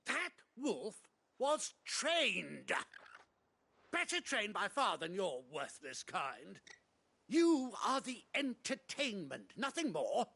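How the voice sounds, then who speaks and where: A man's voice: high voice, wildly swooping pitch, takes it slowly, vocal fry, sharp tone, husky, heavily acted. A man playing a haughty, sneering, cruel nobleman father in a video game, pompous and indignant in manner. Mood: indignant contempt.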